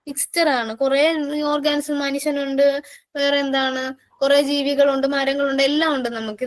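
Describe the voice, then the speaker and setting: A woman with a Malayali accent teaching an exam-prep lesson, explaining patiently, repeating words and putting questions to her students. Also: high voice. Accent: Malayali English.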